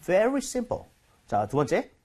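Male English teacher, husky and very animated, patient quizzing style. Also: high voice, slow. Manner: patient, quizzing, explains and corrects. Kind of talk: English lesson with a student.

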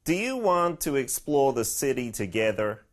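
A man voicing a friendly young male traveler in a recorded practice dialogue, speaking slowly and deliberately for learners. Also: medium pitch, sing-song. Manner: clear, slow, deliberate delivery for learners.

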